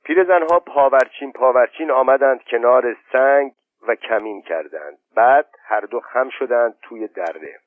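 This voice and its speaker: A man reading an audiobook story in even, measured narration. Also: medium pitch. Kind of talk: scripted narration. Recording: thin phone-like sound, dry.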